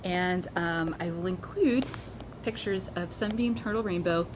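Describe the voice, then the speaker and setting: A woman telling a funny story in a casual, wry, animated way, with exasperated asides. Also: on the low side, a little slow, noisy background.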